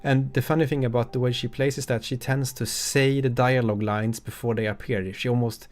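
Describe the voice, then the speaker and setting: A man, a game developer, giving relaxed, halting commentary on his own game with an amused tone. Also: medium pitch.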